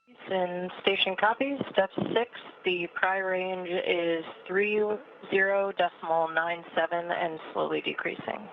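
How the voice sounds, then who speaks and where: A woman's voice: fairly low pitch, fairly even intonation, measured pace. Woman astronaut on crackly space radio. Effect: crackly space-to-ground radio. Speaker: astronaut aboard the space station. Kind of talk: clipped radio procedure callouts. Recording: tinny radio link from far off.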